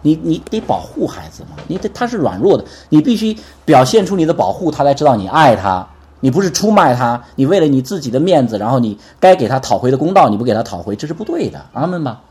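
A husky-voiced man delivering a sermon at a quick clip. He preaches in a chatty, animated way, throwing questions at the congregation and waiting for their replies. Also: mid-range voice. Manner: lively, keeps asking the congregation for responses. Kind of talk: conversational sermon.

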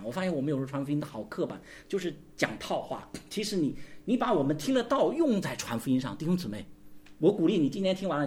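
A male pastor delivers a sermon in a fairly high voice that swings widely in pitch. He works his listeners in a call-and-response rhythm, throwing out rhetorical questions and prompting replies. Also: darkish tone, slight background noise.

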